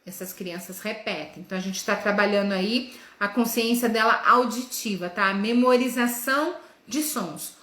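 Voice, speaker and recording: Bright woman teaching in an echoey room. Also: medium pitch. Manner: didactic, with frequent "né?" and "tá?" check-ins; sounds out letters and syllables slowly in demonstrations. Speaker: educator. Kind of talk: lesson for teachers.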